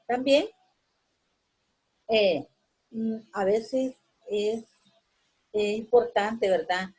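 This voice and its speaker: Husky-voiced woman teacher explaining. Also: fairly high pitch, dark tone, low-quality recording. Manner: keeps adding a questioning tag, with frequent hesitation fillers; patient, explanatory, gives everyday examples. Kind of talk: classroom lesson explanation.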